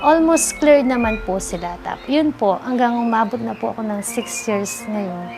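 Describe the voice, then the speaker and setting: A woman giving a soft-spoken, earnest testimonial interview, politely answering an interviewer. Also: a little high, moderate pace. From Philippines. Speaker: interviewee, cancer survivor. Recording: music bed underneath.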